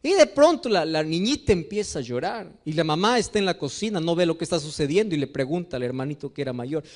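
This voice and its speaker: A man preaching a sermon as pastor, animated, acting out the voices in his stories. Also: a little high, fast talker. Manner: animated preaching, acts out dialogues in story.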